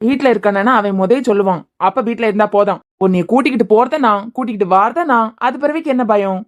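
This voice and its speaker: A performer voicing a tired young cartoon wife with a Kanyakumari Tamil accent, talking quickly and wearily. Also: medium pitch, voice pushed down, natural voice. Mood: weary.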